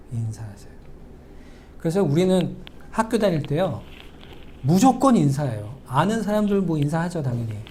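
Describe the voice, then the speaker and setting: This middle-aged pastor preaches in a church sanctuary with a fairly high, dark-toned voice, chatting with the congregation and asking them questions. At moments of emphasis he slows almost to a whisper, and slight background noise can be heard.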